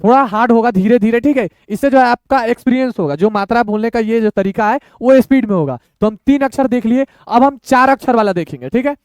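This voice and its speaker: A man teaching Hindi reading in an online lesson, patiently breaking words into syllables and repeating them slowly. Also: very high voice, animated, clear, resonant tone, dry recording, clean studio sound.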